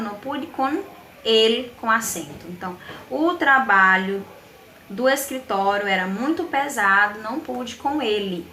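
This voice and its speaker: A woman's voice: on the high side, sharp tone, echoey room, a little hiss or hum. A Brazilian woman teaching a Spanish lesson in Portuguese with a Brazilian accent, patiently explaining exercises and checking in with the class.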